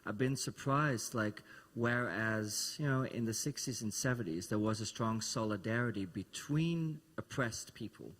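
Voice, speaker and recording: Dutch guy, lowish voice, hesitant, long echo like a big hall. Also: a little slow, hardly any pauses, fairly bright tone. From Netherlands. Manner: hesitant, hedging. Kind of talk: public panel discussion.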